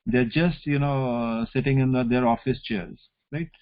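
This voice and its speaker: A man's voice: medium pitch, moderate pace. A man with a North Indian accent giving an informal, explanatory online lecture, often checking in with "right?" and "you know". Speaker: academic lecturer. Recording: slightly dull online call audio.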